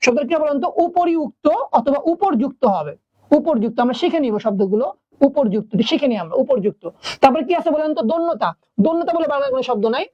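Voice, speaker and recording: A woman teaches spelling at a brisk clip, her voice sitting high. She keeps throwing questions at her students and answering them herself. The recording is dry and close, with a dull, lo-fi tone. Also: expressive, dark tone, no echo. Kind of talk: classroom spelling lesson.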